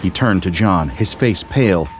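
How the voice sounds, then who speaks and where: A man narrating a scripted horror story in a steady, measured way. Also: sits low, faint music behind.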